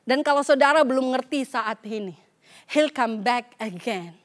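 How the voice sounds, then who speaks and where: Woman pastor, high voice, preaching into a stage mic at a church service, slips in English phrases. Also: lively intonation, moderate pace. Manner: acts out voices when quoting scripture. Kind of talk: sermon.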